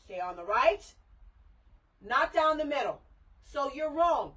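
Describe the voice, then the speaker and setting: A woman's voice: high voice, sing-song, takes it slowly, bright, forceful tone, far from the mic, rough recording. A middle-aged mother scolding her daughter in a heated family argument, lecturing and repeating herself.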